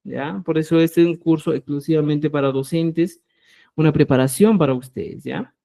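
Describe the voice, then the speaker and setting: A man teaching a live online Quechua class, explaining sounds slowly and checking in often with the listeners. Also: fairly high pitch, vocal fry, mellow. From Peru. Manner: explanatory, keeps checking in with "¿ya?", spells out syllables slowly.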